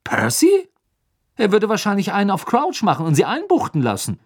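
A man voicing a skeptical, blunt teenage boy in an audiobook, talking in a quick, agitated way. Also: high voice, huge pitch swings, breathy edge, dry recording, studio quality, voice pushed up, full character voice. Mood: indignant.

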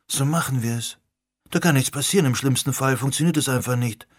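A man voicing an excitable young man who organizes everyone, talking quickly with a rising voice. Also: mid-range voice, breathy edge, no room sound, clean studio sound, lightly acted. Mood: eager.

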